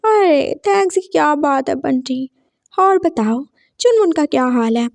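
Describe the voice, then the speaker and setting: A woman doing a calm caring young man. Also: high-pitched, measured pace, creaky, dry recording, exaggerated voice. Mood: reassuring. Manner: reassuring.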